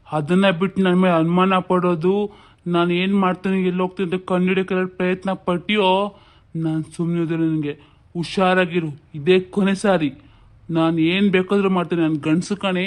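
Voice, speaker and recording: Guy doing bossy threatening husband, high voice, yelling at his wife. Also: little pitch movement, fairly quick, natural voice. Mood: menacing. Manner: bullying, shouting threats and scolding. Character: domineering, threatening husband, adult man.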